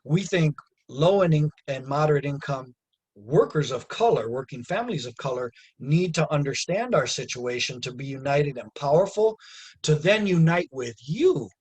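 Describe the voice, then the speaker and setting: An American man with a slightly husky, slightly mellow voice closes out a webinar on a video call in the manner of a community organizer. Earnest and plain-spoken, he is animated and a little high-pitched, speaks at a moderate pace, and frequently swells into emphatic, raised passages.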